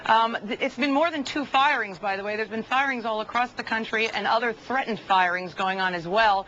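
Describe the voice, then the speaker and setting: A woman speaking as a guest in a TV interview, with a bright, forceful voice. She answers eagerly and strongly agrees with the host. Her feed sounds dull, with faint background noise. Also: fairly high pitch, fairly quick. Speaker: guest, advocacy group co-founder.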